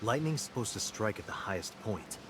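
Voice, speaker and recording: Game detective: lowish voice, grounded and questioning, understated delivery, soft music behind. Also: male voice, lively intonation, a little fast. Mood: puzzled, alert. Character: male detective, inquisitive, down-to-earth. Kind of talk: video game voice acting.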